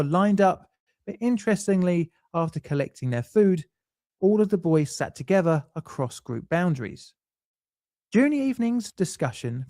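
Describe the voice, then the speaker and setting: A man's voice: fairly high pitch, a little mellow, dry recording, studio quality. Man with a scripted narration. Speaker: documentary narrator.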